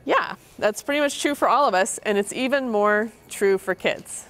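A woman's voice: on the high side, moderate pace, a bit bright. A middle-aged woman giving a public lecture to parents on child safety, earnest and stressing key words by repeating them. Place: meeting room with audience.

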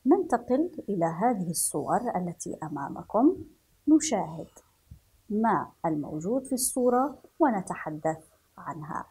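Speaking slowly with a Yemeni Arabic accent, a woman teacher guides young pupils through a reading lesson, echoing words back to them and offering frequent praise. Her pitch is medium and her tone warm and husky. The audio quality is poor.

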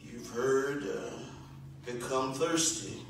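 A middle-aged man preaching a sermon from a church pulpit, building his call-and-response delivery up to shouts. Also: medium pitch, steady tone, slow, slight background noise. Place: large church sanctuary, indoors, at the pulpit. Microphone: pulpit mic, recorded by a far camera. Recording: echoey church sanctuary from far off.

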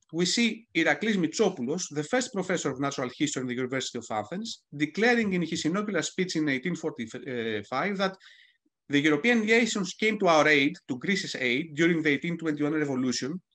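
A man's voice: a little high, lively intonation, brisk, fairly bright tone. A man reading a prepared history lecture as a panel speaker, scholarly and careful, now and then correcting himself mid-phrase.

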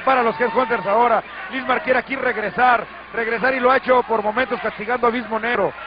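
Male wrestling commentator, Mexican accent, excited play-by-play, strikingly high voice, lo-fi TV sound. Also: fast talker, a crowd in the background. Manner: excited, repeats words emphatically. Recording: dull lo-fi TV audio, very noisy arena. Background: loud arena noise.

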